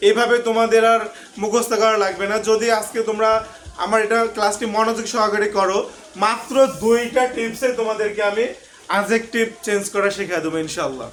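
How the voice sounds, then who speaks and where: A man's voice: sits high, fairly even intonation, quick pace, fairly bright tone. A man teaching an online grammar lesson. He mixes English words into his speech and keeps putting rhetorical questions to his students. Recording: echoey room with faint background noise.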